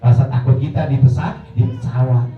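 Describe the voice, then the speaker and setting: A man gives an informal religious talk to a study circle. He is lively and jokey, and acts out little voices. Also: mid-range voice, fairly quick, faint music behind. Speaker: preacher at a women's study circle. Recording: echoey hall, distant mic, muffled.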